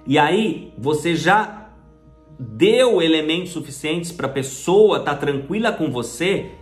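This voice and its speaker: This Brazilian host speaks slowly to the camera, voice on the high side with lively intonation, chattily explaining, posing rhetorical questions, and playing out mini dialogues. The room sounds roomy, with soft music behind.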